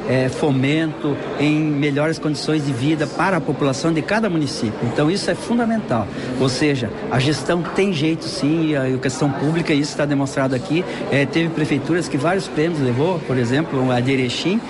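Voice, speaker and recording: A man giving a halting, semi-formal interview statement. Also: fairly high pitch. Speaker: institutional manager being interviewed. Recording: clear street and traffic noise.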